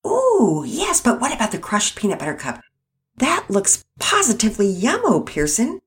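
A woman's voice: mid-range voice, big pitch swings, a little fast, voice pushed up, lightly acted. A woman voicing a chirpy, eager young girl who asks a lot of questions.

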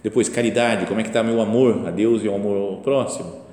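In an echoey hall with faint ambience, a man preaches a spiritual meditation in a conversational way. His voice sits on the low side, steady and mellow, and he talks fairly quickly, tossing in many rhetorical questions, short asides, and imagined voices in quotes.

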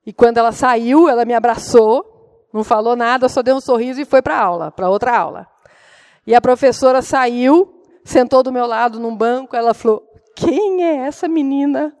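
A woman's voice: on the high side, moderate pace, a little mellow. A middle-aged woman gives a sermon, telling family stories with earnest emotion. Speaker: preacher and mother.

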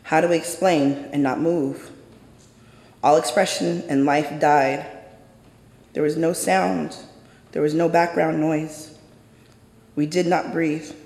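A woman telling a personal story live on stage in a measured, solemn way. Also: low voice, steady tone, a little mellow. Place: stage in a theater. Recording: echoey hall from a stage.

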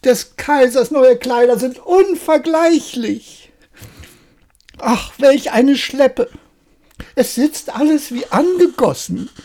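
A woman puts on an excited storybook crowd, calling out high and loud. The voice keeps a raspy, gravelly grain. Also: a little slow, few pauses, exaggerated voice. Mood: exclaiming. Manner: exclaiming. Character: excited crowd of townsfolk, shouting.

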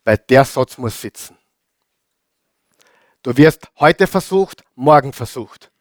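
A man with an Austrian German accent preaching a sermon as pastor. He hammers home repeated phrases, asks the congregation questions, and swings between loud and hushed delivery. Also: mid-range voice, animated, takes it slowly, no echo, studio quality.

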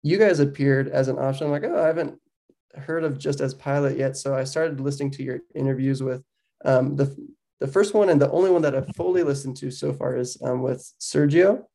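A man hosting a podcast interview, relaxed and conversational with frequent ums. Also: mid-range voice, a little fast, creaky. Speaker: podcast host. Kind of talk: casual interview.

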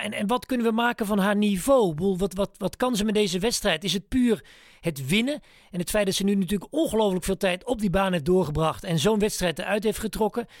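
A man presenting a sports broadcast, asking an expert questions in a halting way with many hesitation fillers. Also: high-pitched, no echo, clean studio sound. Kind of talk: interviewing an expert.

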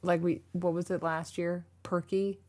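Woman cohost, kinda low voice, playful jokey asides, chill podcast banter. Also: level tone, a little slow, a little mellow. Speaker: podcast co-host. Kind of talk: casual chat.

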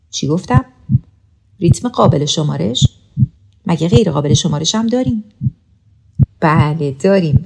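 A woman's voice: on the low side, noisy background. A woman narrating a music lesson in a patient, explaining way, chanting rhythm patterns aloud. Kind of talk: scripted educational narration.

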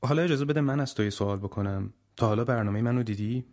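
A man's voice: mid-range voice, a little mellow, lightly acted. A man voicing a cautious, polished male television interviewer in an audiobook. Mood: guarded.

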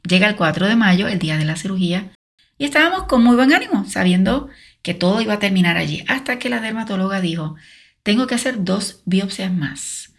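A woman's voice: medium pitch, animated, fast. A middle-aged woman telling her own faith testimony, speaking earnestly and straight to the listener. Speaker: podcast host sharing a personal testimony.

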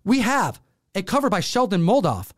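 A man's voice: high-pitched, very animated, normal speed, no echo, clean studio sound. A man co-hosting a top ten countdown show, presenting in a slangy, hyped-up way. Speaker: co-host of comic book countdown show.

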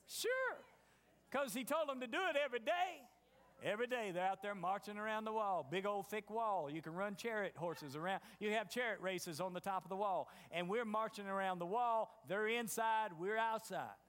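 A preacher with a very high voice, telling the story in a folksy, conversational way. He drops his voice to mimic doubters, then rises again into the preaching. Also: moderate pace, a bit bright, in a large hall. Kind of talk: sermon.

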